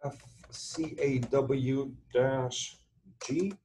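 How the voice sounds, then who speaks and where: Teaching an informal tutorial over screen share, this middle-aged structural engineering instructor sits indoors at a computer with a webcam. His mellow, medium-pitched voice is slow with fairly even intonation, halting and deliberate as he thinks aloud while writing, against slight background noise.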